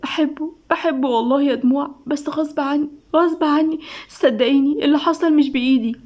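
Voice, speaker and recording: A woman narrator puts on a heartbroken young woman, crying as she speaks. Her voice is high-pitched and hushed. She has an Egyptian accent. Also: fairly quick, dull audio, natural voice. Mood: sobbing. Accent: Egyptian Arabic.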